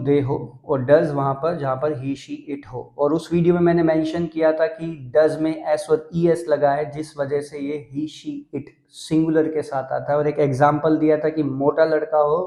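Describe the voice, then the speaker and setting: A young man with an Indian accent teaching English grammar in a lesson video. His voice is mellow and a little high, and he speaks slowly and draws out the English terms. The room sounds echoey. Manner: explains step by step, mixing English terms into Hindi. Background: dogs barking.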